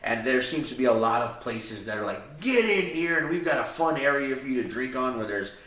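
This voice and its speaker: Animated, swearing man in a roomy room. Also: medium pitch, brisk, distant mic. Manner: animated, rambling, swears a lot. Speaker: guest comedian. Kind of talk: casual podcast chat. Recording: roomy echo.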